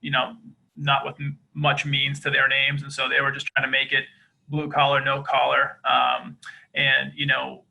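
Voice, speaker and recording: Man from Boston, softened Boston accent, earnest storyteller, gravelly, very bright tone; podcast host in his 30s. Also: medium pitch, completely flat delivery, moderate pace, rough recording. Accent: Boston, softened by years in Georgia. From East Boston, Massachusetts. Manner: earnest, open, many fillers. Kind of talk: candid conversational interview.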